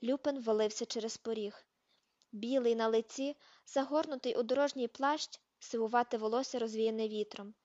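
A woman narrating an amateur audiobook, steady reading that even includes page numbers. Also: fairly high pitch, moderate pace, dry recording, muffled recording. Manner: reads page numbers aloud. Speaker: audiobook reader.

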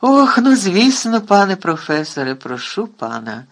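A man with a husky voice voicing an emotional, big-hearted half-giant gamekeeper in a storybook reading. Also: sits high, expressive, moderate pace, heavily acted. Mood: flustered. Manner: sobbing, wailing, overjoyed.

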